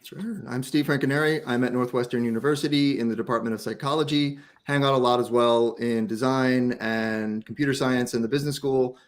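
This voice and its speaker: Measured man guest researcher. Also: mid-range voice, fairly even intonation. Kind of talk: casual webcast interview.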